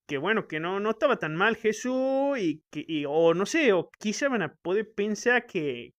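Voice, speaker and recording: A man's voice: high-pitched, a bit bright. A man with a Rioplatense Argentine accent, talking in a loose, rambling, sardonic monologue and tagging his sentences with questions to the listener. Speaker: show host.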